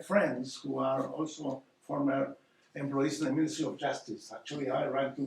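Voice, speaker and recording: An older man from Argentina, his voice gravelly and on the high side, speaks as a guest lecturer at a community hall with an Argentine Spanish accent. Earnest in tone, he often stalls and repeats words as he searches for them, caught by a distant mic amid the hall's echo.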